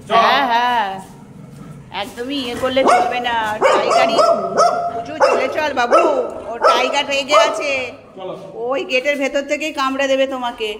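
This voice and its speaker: High sing-song woman coaxing her dogs. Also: a bit bright, long reverb tail. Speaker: dog owner filming her pet. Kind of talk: casual talk to dogs. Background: dogs barking.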